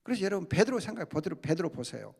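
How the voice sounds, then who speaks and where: A man preaching at a Bible study as pastor, lively, acting out quoted complaints and prayers. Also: high voice, rapid-fire, vocal fry, husky.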